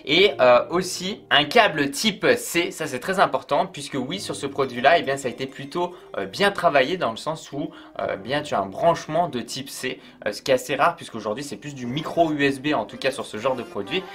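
A man's voice: medium pitch, expressive, a little fast, hardly any pauses, a bit bright. A man giving a casual product review, chatty and full of fillers, talking straight to the viewer. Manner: chatty, many fillers, addresses viewer informally.

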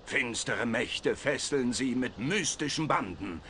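Ein Sprecher, der im Videospiel einen unterwürfigen, nervösen Herold spielt, der über seine Worte stolpert. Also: male voice, medium pitch, expressive, slow, sharp tone, a little hiss or hum. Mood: flustered. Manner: obsequious, stumbling over his words. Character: fawning, stammering, nervous male herald. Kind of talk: video game dialogue.

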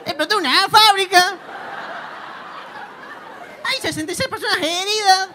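A man putting on a newsreader with a put-on Cordoba accent, pitched high and drawn out. Every line lilts like the punchline of a joke, with a live crowd faintly behind. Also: bright, forceful tone, slight background noise, exaggerated voice, low-quality recording. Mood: jolly. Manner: sing-song, drawn-out, sounds like telling a joke. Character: cheerful Cordoba TV newsreader, male adult.

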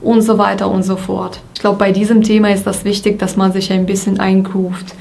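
A woman with a creaky, gravelly edge to her voice teaches a grammar lesson. She reads her example sentences slowly and deliberately and says each one twice. Her pitch sits in a middle range. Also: level tone, darkish tone. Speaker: German teacher.

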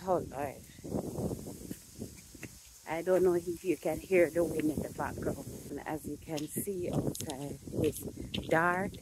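A woman vlogger walking fast outdoors on a windy street, talking breathlessly into her phone about the cold. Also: low voice, fairly even intonation. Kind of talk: casual chat to camera.

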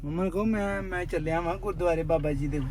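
A man's voice: high voice, fairly even intonation, fast talker, crowd noise. A man vlogging with his family from a car, teasing his small child in casual chat. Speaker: vlogger, father.

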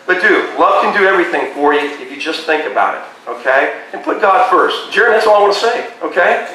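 A middle-aged man giving an excitable personal testimony at a beachside church service, tagging many phrases with "okay?". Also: high-pitched, a little fast, a little hiss or hum. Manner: excitable, keeps asking "okay?". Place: beach bar lounge, open-air service. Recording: echoey live sound from a distance.

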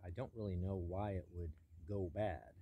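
A man's voice: low-pitched, fairly even intonation, normal speed, phone-quality sound, background noise. An older man narrating casually as he hikes a forest mountain trail outdoors, thinking aloud with many fillers and the odd dry joke. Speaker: hiking vlogger. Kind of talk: casual narration while hiking.

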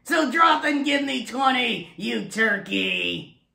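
A man's voice: very high voice, expressive, takes it slowly, creaky, bright, forceful tone, pitched above the performer's own voice, full character voice. A man voicing a scowling, bossy drill sergeant puppet in a ventriloquist act, barking out commands. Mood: barking, scolding. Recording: roomy echo.

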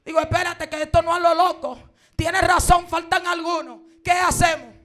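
A woman preacher, telling her story in a fiery sermon and breaking into shouted praise. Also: very high voice, steady tone, moderate pace. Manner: shouts and chants praise between stories.

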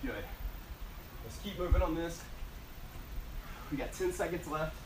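Here a thirties-aged fitness instructor with a somewhat high voice takes an unhurried pace, exercising while he urges people on with short cues and counts down a timed aerobics workout. The far-off camera microphone on the outdoor porch, several metres away, makes the audio echoey and noisy.

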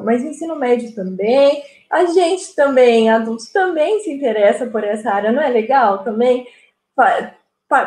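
Brazilian female moderator, high pitch, chatty explanatory delivery, echoey room sound. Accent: Brazilian Portuguese. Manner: explanatory, many fillers like "né" and "é". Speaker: seminar moderator presenting student work. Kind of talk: online seminar presentation.

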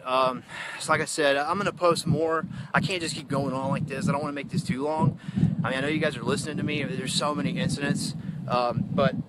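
A man's voice: mid-range voice, very noisy. A man ranting in an emotional phone livestream, heated and accusatory, rambling with many asides. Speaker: citizen activist livestreaming.

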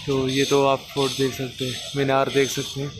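A young travel vlogger from Jammu and Kashmir, India, talks casually into a phone at arm's length, pointing out sights on busy streets, in vehicles and at monuments. His medium-pitched voice is monotone and a little fast, with music in the background and the din of city traffic.

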